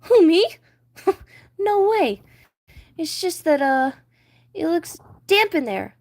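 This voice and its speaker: A woman voicing Flounder, a timid little male fish who talks in a squeaky, jittery, loud way. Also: sing-song, slow, no room sound, full character voice. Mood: panicky.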